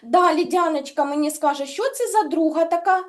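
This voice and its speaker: High-voiced woman teaching small children. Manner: slow, exaggerated articulation of sounds; encouraging, praising pupils by pet names. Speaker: speech development teacher. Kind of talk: online lesson for young children. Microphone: video call.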